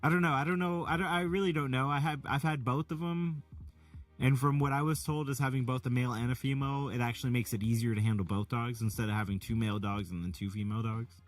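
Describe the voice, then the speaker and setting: A middle-aged man chatting casually while reading out chat, rambling and animated with many restarts. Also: medium pitch, fast talker, distant mic. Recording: from the mic, faint music behind.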